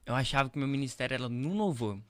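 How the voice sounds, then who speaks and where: Talking very fast at a medium pitch, a young Brazilian pastor gives his faith testimony as a guest in a casual podcast chat. He's earnest and repetitive, leaning on tag questions throughout.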